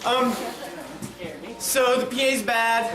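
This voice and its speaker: A man's voice: extremely high pitch, flat delivery, takes it slowly. A man talking casually to the audience as a punk band singer between songs, rambling and swearing freely, in a live room recording through a PA. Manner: informal, profane, rambling. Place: small live music venue with PA. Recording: echoey live room recording, distant PA sound.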